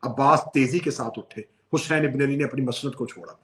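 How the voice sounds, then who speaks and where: A man delivering an emotional religious sermon, narrating the story with tearful, dramatic recitation and sudden drops to a hushed voice. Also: medium pitch, a little fast, echoey room. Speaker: Shia cleric.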